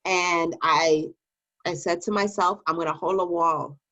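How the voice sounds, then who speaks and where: A woman's voice: on the low side, fairly even intonation, unhurried, a bit bright. A tipsy woman host rambling through a casual rant, playfully mimicking the way other people talk. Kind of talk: casual ranting chat. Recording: dull lo-fi audio.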